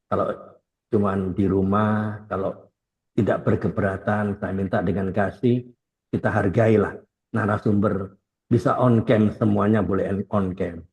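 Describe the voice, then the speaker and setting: A man's voice: on the low side, steady tone, measured pace, poor audio. A man hosting an online meeting on a video call, politely asking the audience to switch on their cameras. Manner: polite, gently coaxing the audience. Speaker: host of an online prayer meeting.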